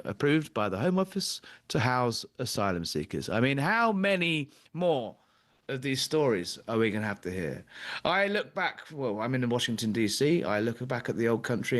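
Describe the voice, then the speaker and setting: Male host, political talk show, indignant, rhetorical questions, studio. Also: mid-range voice. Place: studio in Washington DC.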